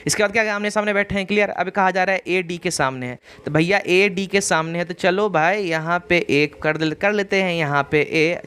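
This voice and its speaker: A man teaching an online exam-prep reasoning lesson, repeating points and checking understanding with "clear?". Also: high voice, a bit bright.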